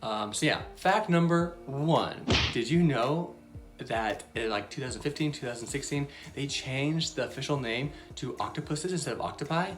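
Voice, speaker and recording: Speaking at a moderate pace in an extremely low pitch, a woman runs a casual Bible lesson for young kids. Her manner is chatty and bubbly with lots of fillers, backed by soft music.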